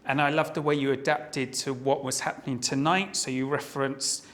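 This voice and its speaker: A man's voice: flat delivery, moderate pace, a bit bright, slight background noise. A man evaluating a speech at a club meeting, encouraging and lightly joking. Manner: encouraging, plays a mock sales pitch for laughs.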